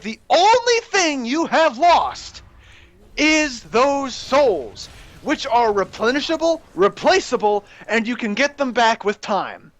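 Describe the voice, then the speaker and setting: A young man hosting a rambling, excitable gaming rant that breaks into shouting while he plays. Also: very high-pitched, no room sound. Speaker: gaming channel host ranting.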